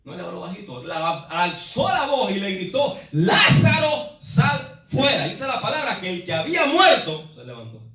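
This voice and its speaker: Man, pastor, sermon, high-pitched, echoey hall, off-mic, loud and soft swings. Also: very animated, moderate pace, hardly any pauses, recorded from a distance. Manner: preaching with swings between loud exclamations and low asides, often saying "hermano". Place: church sanctuary.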